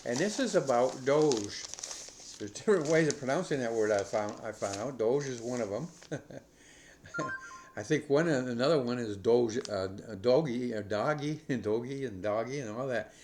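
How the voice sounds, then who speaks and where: A man's voice: medium pitch, lively intonation, moderate pace, a little mellow, slight background noise. A middle-aged man from the United States hosting a news commentary podcast, rambling with many fillers and restarts. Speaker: podcast host.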